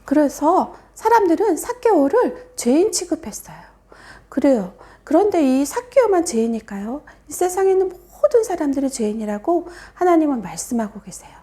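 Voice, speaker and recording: A woman preaching a children's sermon as a story, animated, with soft whispered emphasis. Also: sits high, normal speed. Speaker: children's Sunday school preacher.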